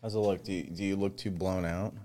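A man's voice: sits low, steady tone, brisk. A man in his forties co-hosting a podcast, chatting casually and joking with plenty of swearing. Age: 40s. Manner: swearing, joking, loud bursts. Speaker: podcast co-host. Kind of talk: casual chat.

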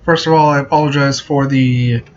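A man hosting a podcast, giving a relaxed, casual intro with fillers through a low-quality built-in laptop mic at his workplace. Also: moderate pace. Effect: low-quality laptop mic audio. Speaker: podcast host. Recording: dull lo-fi laptop recording.

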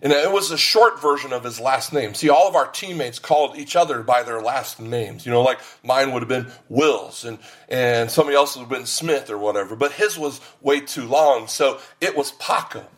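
A man's voice: mid-range voice, moderate pace, few pauses, a bit bright. A middle-aged man preaching a sermon, mixing scripture with jokes and personal stories. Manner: joking, anecdotal storytelling. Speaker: pastor.

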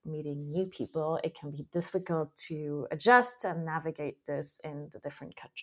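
Lowish-voiced woman hosting a podcast. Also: normal speed, fairly bright tone. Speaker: podcast host.

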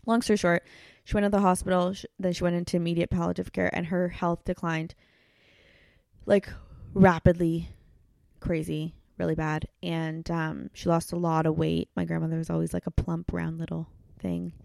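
Gravelly woman near tears. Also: lowish voice, flat delivery, a little mellow, dry recording, clean studio sound. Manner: emotional, halting, many fillers. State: close to tears. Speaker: podcast guest. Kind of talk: casual chat.

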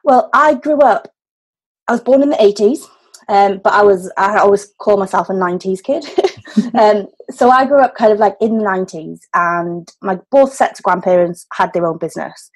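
A woman's voice: medium pitch, normal speed, slightly rough, rough recording. A woman in her thirties with a Welsh Valleys accent, telling her story conversationally as an interview guest. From Wales, the valleys. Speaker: podcast guest, business owner.

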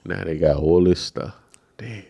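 A man's voice: low voice, unhurried, gravelly, warm tone, slightly rough. A man co-hosting a casual faith podcast in a laid-back, affirming way, often saying "man.". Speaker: podcast co-host.

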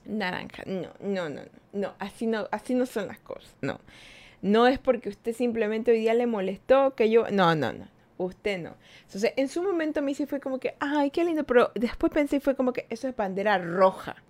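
A young woman hosting a podcast, telling a personal story in a casual, animated way and acting out what people said. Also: a little high, normal speed. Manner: animated, chatty, acts out quoted dialogue. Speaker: podcast host.

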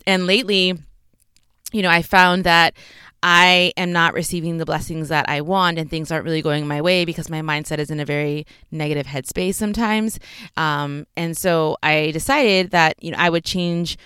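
A young woman from Texas hosts her podcast from inside a closet, where clothes deaden the sound and leave it dry and close. Her voice sits a little low and is very smooth and clear. She chats in an upbeat, loose way, full of fillers and small laughs. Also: fairly even intonation, moderate pace, sharp tone, no echo. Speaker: podcast host. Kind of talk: casual solo podcast chat.

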